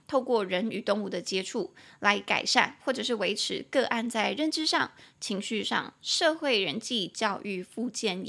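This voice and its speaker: A young woman hosting a podcast English lesson in Mandarin with a Taiwanese accent, repeating English words and spelling them out slowly letter by letter. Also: medium pitch, gravelly, fairly bright tone.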